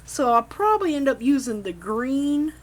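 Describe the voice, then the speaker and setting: With a high voice, big pitch swings and a moderate pace, a woman hosts a homespun craft demo. She talks to herself informally as she works over the noise of a running machine and vacuum pump.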